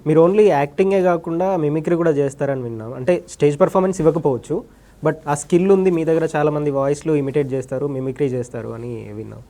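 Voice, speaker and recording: A man's voice: fairly high pitch, quick pace, warm tone. A man interviewing a guest, asking long, polite questions and murmuring agreement. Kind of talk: casual interview.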